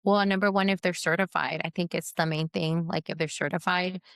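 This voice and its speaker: A woman who runs a post-op massage business, talking candidly in an interview, with fillers, restarts and quick shifts into voices when she quotes people. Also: steady tone, no echo. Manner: acts out quoted voices with sharp pitch jumps. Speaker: post-op massage therapist, guest. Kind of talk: casual interview conversation.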